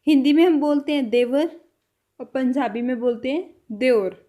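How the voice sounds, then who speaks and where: A woman teaching a vocabulary lesson, slowly repeating each word with care. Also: high voice, dark tone. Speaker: language teacher.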